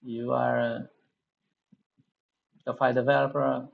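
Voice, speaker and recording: Slow, gravelly man hosting class. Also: medium pitch, flat delivery, phone-quality sound. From Brazil. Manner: halting, many restarts and thank-yous. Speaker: instructor hosting a live class Q&A. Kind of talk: casual online class chat.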